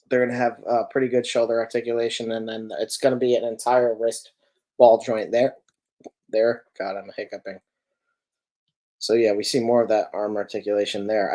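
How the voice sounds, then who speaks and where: Guy rambling on a podcast, lots of ums and likes, middle-pitched voice. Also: a little mellow. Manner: rambling, full of ums and likes, self-correcting. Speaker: podcast co-host reviewing collectible figures. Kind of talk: casual chat.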